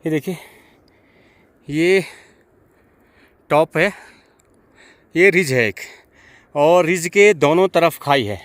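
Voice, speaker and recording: High-voiced man vlogging on a mountain trek. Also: takes it slowly, pauses often, a bit bright, dry recording. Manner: guiding, pointing things out to viewers. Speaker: trekking vlogger. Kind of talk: outdoor trek vlog narration. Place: outdoors on a high mountain ridge.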